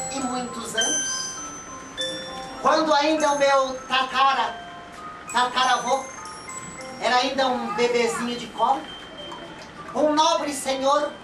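A kindly old storyteller acted by a woman spins a tale for children with folksy tenderness. It is a stage performance picked up from afar in an echoey theatre, with music underneath. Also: high voice. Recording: echoey theatre, distant mic, music behind.

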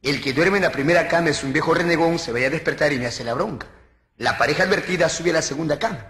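High-voiced comic in echoey room. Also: male voice, quick pace, a bit bright. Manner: bawdy storyteller who puts on high voices for characters. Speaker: stand-up comedian. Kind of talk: live joke telling.

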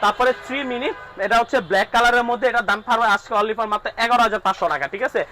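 A man's voice: very high voice, fairly even intonation, very fast, pushed and bright, rough recording. A man with a Bangladeshi Bengali accent works as a drone shop salesman, running through prices in repetitive sales patter and checking in with "all right?". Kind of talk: rapid-fire price rundown.

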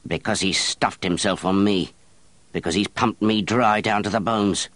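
A man's voice: fairly low pitch, normal speed, fairly bright tone, no echo, close to an everyday voice. A man voicing a blunt, surly wet nurse who answers in a curt, snarling way. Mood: resentful. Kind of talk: audiobook character voice.

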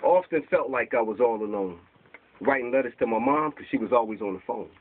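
A man in his forties with a mid-range voice reads his rhyming poems at a small bookstore's open mic, brisk and with lively intonation, holding papers and gesturing in a rhythmic delivery. A camera across the room records him, so the audio is tinny, lo-fi, and carries slight background noise.

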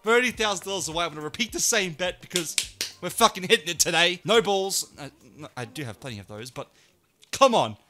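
Excitable, swearing man at the blackjack table. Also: high voice, fast talker, noisy background. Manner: excitable, swears a lot, swings from muttering to shouting. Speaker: online casino streamer. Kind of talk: live blackjack play commentary.

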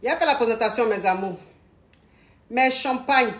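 Woman, out of breath, a bit high-pitched, hosting a chatty, scattered live stream in an echoey room. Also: moderate pace, fairly bright tone. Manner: chatty, scattered, talks to viewers as family. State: out of breath, sweating. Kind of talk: casual live stream chat.

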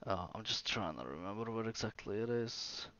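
A man's voice: on the low side, lively intonation, moderate pace, sharp tone, muffled recording. A sleepy young man who is losing his voice, chatting casually on a live stream, rambling and hesitant with many fillers and restarts.

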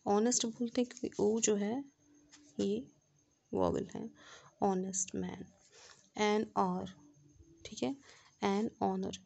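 Grammar teacher, woman with a gravelly, mellow voice. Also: medium pitch, fairly even intonation, dull audio. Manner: explains step by step, asks rhetorical check questions; reads English examples slowly and deliberately. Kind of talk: classroom grammar lesson.

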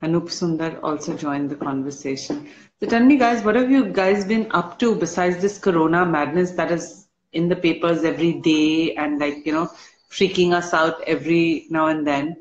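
A woman hosting a casual live stream, reading fan comments aloud and answering slowly while a little unwell. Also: low voice. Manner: slow, relaxed, answers comments one by one. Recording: dull lo-fi stream audio.

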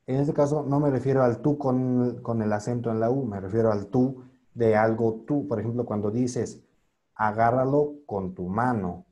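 A man's voice: medium pitch, normal speed, warm tone, muffled recording. A man teaching an online English class over a video call, patiently spelling out words and translating them.

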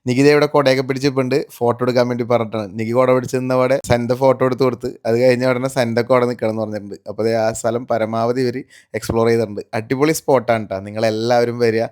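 A man's voice: medium pitch, little pitch movement, racing, a little mellow. A man from narrates a vlog voice-over in Malayalam sprinkled with English words. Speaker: vlogger.

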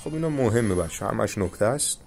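A young man commentating his own mobile game match, calmly coaching viewers through each move. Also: fairly low pitch, creaky, faint music behind. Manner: coaching viewers, calm reassurance. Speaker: gaming channel host. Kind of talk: live gameplay commentary with tips.

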